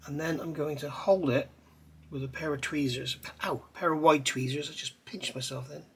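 A middle-aged man on the high side of pitch, creaky and slightly rough, speaks at normal speed while explaining a scale model build. Working with his hands at an indoor hobby bench filmed by an overhead camera, he stays relaxed and rambles chattily.

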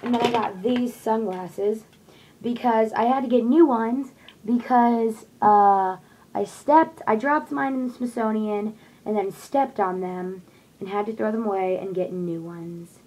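A woman's voice: fairly high pitch, measured pace, darkish tone, poor audio. A young woman casually showing off her shopping haul in her bedroom, chatting and rambling with lots of fillers, recorded on a webcam at close range. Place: small bedroom with posters, indoors. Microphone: webcam on desk at close range.

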